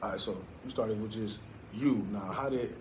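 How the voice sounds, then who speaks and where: A man's voice: on the low side, moderate pace, darkish tone, a little hiss or hum. An American man hosting a casual interview, using street slang, swearing freely and tossing in short affirmations. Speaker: podcast host, interviewer.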